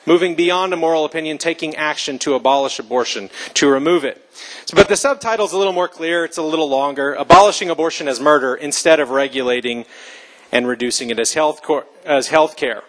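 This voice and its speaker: A man's voice: a little high, brisk, fairly bright tone. A young adult man giving an earnest, emphatic public talk to a live audience. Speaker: speaker. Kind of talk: public speech.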